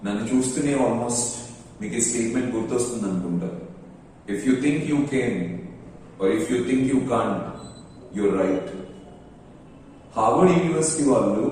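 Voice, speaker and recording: A man with a Telugu accent giving a motivational exam-prep English lesson, slowing down to stress English phrases. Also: mid-range voice, darkish tone, heavy reverb, in a large hall, distant mic, slight background noise, low-quality recording. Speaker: English teacher.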